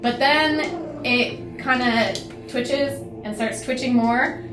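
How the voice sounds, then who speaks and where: Woman game master, fairly high voice, casual explanatory narration, peppered with "like", roomy distant sound, music behind. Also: takes it slowly. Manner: informal, explanatory, punctuated with "like". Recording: echoey room, distant mic. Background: clear music.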